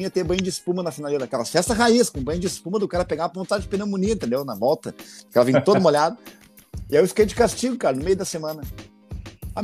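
Male comic guest, rio grande do sul accent, rattles off slangy anecdotes quick, a bit high-pitched. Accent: Rio Grande do Sul Portuguese. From Porto Alegre, southern Brazil. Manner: animated, full of slang and exclamations. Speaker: comedian guest. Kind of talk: casual storytelling chat.

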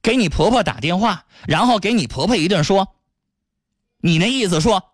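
A man hosting a radio call-in advice show, lecturing a caller in a rapid, scolding tone. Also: high voice, expressive, no room sound, clean studio sound.

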